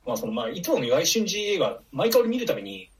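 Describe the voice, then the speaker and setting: Slangy podcast co-host, man, quick, very expressive pitch, slightly distant mic. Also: vocal fry. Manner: animated, swings high for emphasis, slangy. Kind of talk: casual film chat. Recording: voice set back from the mic.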